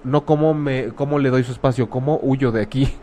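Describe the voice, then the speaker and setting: A man's voice: mid-range voice, fairly even intonation, brisk, dark tone, slight background noise. Mexican guy hosting a chat, blunt and slangy, acts out what people say. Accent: Mexican Spanish. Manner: frank, blunt, uses slang, acts out quoted speech. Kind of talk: casual conversational advice talk.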